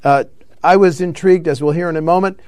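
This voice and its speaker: Male political talk host, bit high-pitched and crisp, dry studio sound, stops and corrects himself. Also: fairly even intonation, fast talker, darkish tone, no echo. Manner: reads news items with frequent fillers and self-corrections. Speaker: radio show host.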